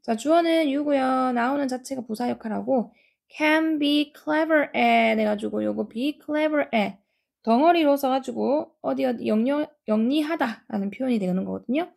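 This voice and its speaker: A woman teaching English grammar, explaining each sentence step by step and reading the English lines slowly. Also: sits high, creaky, a little mellow. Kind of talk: grammar lesson.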